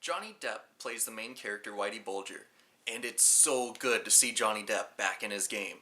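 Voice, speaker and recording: A man's voice: lowish voice, moderate pace, bright, forceful tone. A man hosting a casual movie review, talking in a rambling, offhand way with self-mocking jokes. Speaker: film reviewer and show host.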